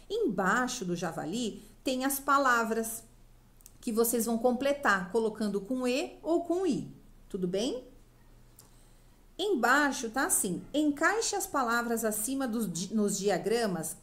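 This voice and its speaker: A woman's voice: a little high, fairly bright tone. A woman teacher from Brazil with a Brazilian Portuguese accent, patiently explaining a lesson to young children and checking in often. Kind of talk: remote class lesson for children.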